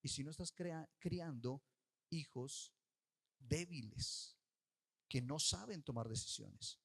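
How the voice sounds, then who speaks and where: A male pastor delivers a sermon in a fairly high-pitched voice. He tells a story and urges his listeners on, swinging suddenly between loud and soft.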